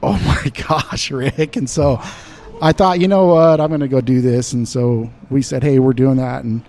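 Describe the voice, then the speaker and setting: A middle-aged man, a studio guest, chatting casually and rambling through a story, his voice trailing off softly. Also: medium pitch, fairly even intonation, normal speed. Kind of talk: casual chat. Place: indoor shop space.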